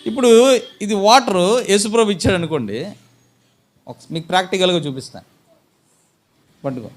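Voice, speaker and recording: A man's voice: high voice, normal speed. A man preaching a church sermon as pastor, firing rhetorical questions at the congregation and answering them himself, and acting out examples with a listener. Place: church service.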